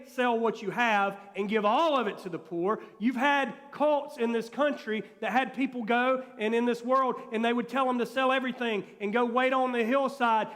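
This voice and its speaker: A man preaching a sermon as pastor, folksy and conversational, often dropping to a soft voice. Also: very high voice. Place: church sanctuary. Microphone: live stream. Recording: long hall reverb.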